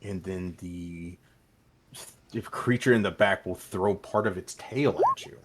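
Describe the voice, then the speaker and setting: A man narrating as game master of a tabletop game, calling for checks and describing the action in a relaxed, matter-of-fact way. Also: low voice, a little slow, a little hiss or hum. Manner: relaxed, matter-of-fact rules talk with fillers.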